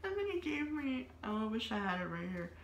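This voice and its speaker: A woman's voice: a little high, sing-song, a little fast, slight background noise. A woman in her thirties telling a story in a casual, rambling way, with many filler words and frequent laughter. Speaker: vlogger. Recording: roomy echo.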